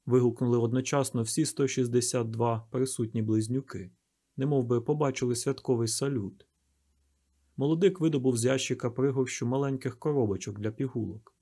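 A man narrating a novel in a measured, expressive audiobook reading. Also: medium pitch. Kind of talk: scripted literary narration.

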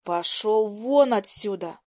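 A woman voicing an indignant, hot-tempered teenage schoolgirl who shouts her lines sharply. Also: mid-range voice, takes it slowly, dry recording, studio quality, natural voice. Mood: furious, indignant.

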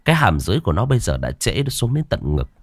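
A man narrating a ghost story in a steady, dramatic way. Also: deep voice, fast, no room sound.

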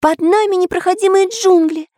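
A woman voicing an excitable boy pencil artist in a very high, piping voice, full of exclamations. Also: normal speed, dry recording, clean studio sound. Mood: alarmed. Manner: eager, exclaiming.

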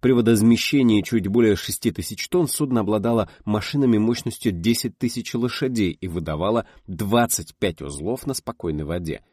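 A man's voice: lowish voice, normal speed, hardly any pauses, darkish tone, husky, no room sound, studio quality. A man narrating an audiobook, reading expressively and voicing the characters.

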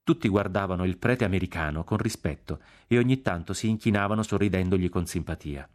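A man reading a novel aloud on a radio program in a measured, grave, unhurried way. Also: sits low, darkish tone. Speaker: audiobook reader on a radio program.

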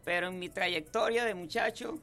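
A man in his thirties with a llanero accent from Apure, Venezuela, appears as a guest singer-songwriter in a radio studio, easily sharing homespun stories. His high voice has a sharp tone at a moderate pace, and faint music plays behind him.

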